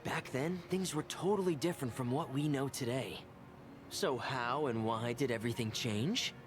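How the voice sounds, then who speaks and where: An actor voicing a measured male storyteller who recounts a legend in a video game. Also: mid-range voice, close to an everyday voice. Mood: storytelling.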